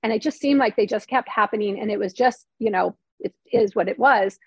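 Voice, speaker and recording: A woman's voice: medium pitch, brisk, husky, dry recording. A middle-aged woman, a former TV news reporter and now a novelist, talking candidly in an interview and peppering her story with "like" and "you know". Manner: chatty, heavy use of "like" and "you know", acts out quotes; earnest and candid. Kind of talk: emotional personal storytelling in conversation.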